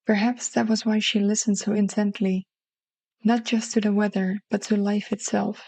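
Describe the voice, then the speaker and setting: Female story narrator, Dutch accent, soft and mellow delivery, mid-range pitch, very dry close sound. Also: level tone, moderate pace, creaky, no room sound. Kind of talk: scripted literary short story narration.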